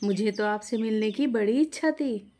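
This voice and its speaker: A woman's voice: fairly high pitch, moderate pace, warm tone, natural voice. A woman voicing a polite, naive new young bride in a family story. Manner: polite, respectful.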